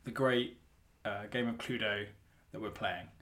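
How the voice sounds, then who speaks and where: A man hosting a hobby podcast in a casual, rambling, self-correcting way, recorded in the hallway of a flat. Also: on the low side, a little slow. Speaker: podcast host.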